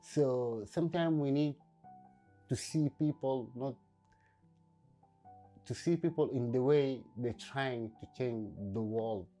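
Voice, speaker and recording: A man speaks in a documentary interview, in a mellow, warm voice. He talks reflectively, pausing and filling gaps as he searches for words. Soft music plays faintly beneath him. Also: mid-range voice. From Sudan. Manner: reflective, halting with many fillers. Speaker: painter.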